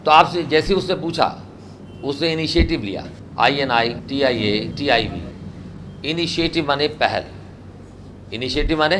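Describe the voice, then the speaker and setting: A man's voice: mid-range voice, fairly bright tone, slight background noise. A man from India teaching a spoken English class, quizzing students and drilling repetition. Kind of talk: classroom language lesson.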